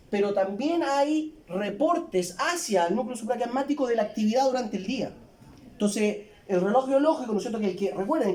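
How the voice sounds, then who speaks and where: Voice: medium pitch, darkish tone. Physiology lecturer, chatty classroom lecture, lots of tag questions, roomy lecture hall, sounds distant from the mic. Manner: conversational, checks in constantly with tag questions.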